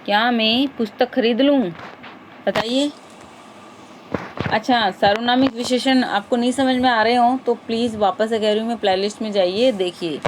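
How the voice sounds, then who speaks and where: A woman with a slightly high voice leads an exam-prep grammar lesson. She reads each question and repeats its options aloud, patiently and steadily. A faint hiss of background noise runs under her voice. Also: fairly even intonation, normal speed. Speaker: teacher.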